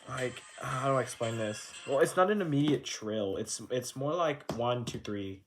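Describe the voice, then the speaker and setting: A young man talks through a rhythm game chart in a relaxed, offhand way, swearing now and then and counting beats aloud. His voice sits at an ordinary male pitch. Loud game music plays underneath him. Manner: laid-back, swears casually, restarts sentences; counts out note timings aloud. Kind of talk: casual tutorial commentary.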